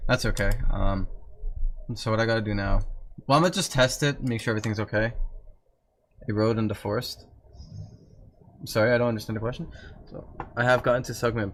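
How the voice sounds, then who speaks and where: A man with a fairly low voice chats casually on a live stream and walks his viewers through steps in plain words as he works. A faint hiss sits under his voice. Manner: explains steps plainly to chat while working. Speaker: streamer and game developer.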